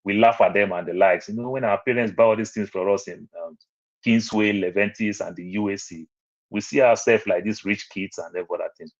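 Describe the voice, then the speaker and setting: Speaking fairly quickly in a steady, fairly low voice, a man with a Nigerian English accent meanders through stories from his own life on an informal online panel, often repeating himself. The audio comes through muffled and low quality.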